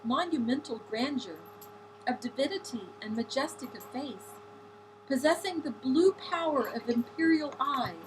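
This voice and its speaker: A woman reading a novel aloud in a deliberate way, now and then correcting a slipped word. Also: high-pitched, noisy background. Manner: deliberate, with occasional slips and self-corrections. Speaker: audiobook reader.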